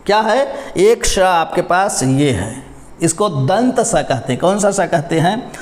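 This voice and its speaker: A man with a fairly high, sing-song voice gives a slow, patient Hindi pronunciation lesson in an echoey room. He drills syllables one by one, puts questions to the class, and addresses viewers as "my dear children."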